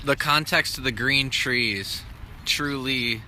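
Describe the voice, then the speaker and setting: A man's voice: medium pitch, slow pace, bright, forceful tone, a little hiss or hum, rough recording. A young man from Michigan talking through a casual video diary in an offhand, rambling way. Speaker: vlogger.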